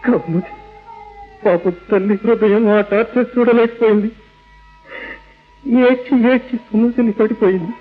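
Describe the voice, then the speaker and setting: A high-voiced Telugu Indian man as an anguished, rationalist father in an old radio play. He is emphatic and theatrical, dropping in English words, on a tinny, narrow-band recording. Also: measured pace, long pauses, faint music behind. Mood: anguished grief. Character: rationalist young father, atheist, anguished over his son. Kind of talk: old radio drama acting.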